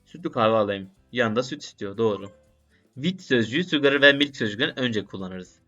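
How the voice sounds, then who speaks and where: A man's voice: mid-range voice, expressive, brisk, bright, forceful tone. A man studying on camera, thinking aloud and repeating short phrases to himself in a casual vlog. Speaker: language learner vlogger. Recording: dull lo-fi sound with faint music.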